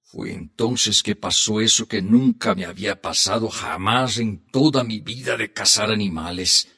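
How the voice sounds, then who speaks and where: A man reading the part of an old grandfather telling his grandchildren a hunting tale, in a slow, heartfelt storybook manner. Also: fairly low pitch, creaky, sharp tone, slightly rough, exaggerated voice. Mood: reminiscing.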